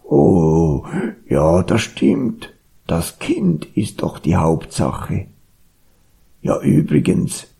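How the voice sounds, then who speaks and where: A simple storybook ox , voiced by a man, drawls slowly in a raised voice. The voice is husky and gravelly. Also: fairly high pitch, huge pitch swings, darkish tone, pitched above the performer's own voice, full character voice. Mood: sheepish. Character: boozy dim ox, later sheepish.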